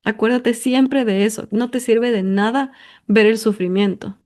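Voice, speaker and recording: Emphatic woman, slightly high voice. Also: fairly even intonation, measured pace, darkish tone. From Ecuador. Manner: emphatic, talkative, piles up intensifiers and "o sea" fillers. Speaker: podcast host. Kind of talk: personal monologue.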